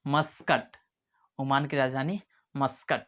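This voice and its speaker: Speaking slowly in a steady, mid-range, slightly bright voice, a man teaches memory tricks to the camera. He keeps it playful, acting out small scenes as he goes, and the recording has a dull lo-fi quality.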